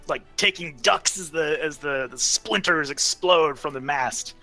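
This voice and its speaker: A man runs a tabletop game, reacting excitably and laughing often. His voice is bright and a touch high, and faint music plays underneath. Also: a little slow. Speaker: dungeon master.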